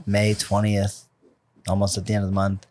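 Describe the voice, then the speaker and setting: A man's voice: lowish voice, monotone, normal speed, darkish tone, a little hiss or hum. A young man hosting a podcast in a loose, rambling chat full of fillers. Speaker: podcast host. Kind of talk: casual chat.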